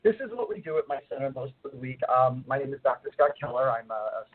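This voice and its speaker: Middle-aged male radio co-host phoning in, husky, muffled as if through a long tube, rambling explainer. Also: mid-range voice, lively intonation. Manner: rambling, unhurried explaining with many fillers. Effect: muffled distant phone line, as if talking through a long tube. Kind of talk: phone-in radio talk. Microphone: phone. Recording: tinny phone line.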